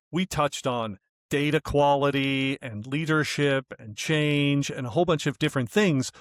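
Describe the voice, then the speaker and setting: Podcast co-host, male, easygoing chat with restarts, mid pitch, dry close mic. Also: no echo. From US West Coast. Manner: relaxed, thinks aloud with fillers and restarts. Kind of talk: casual conversational podcast talk.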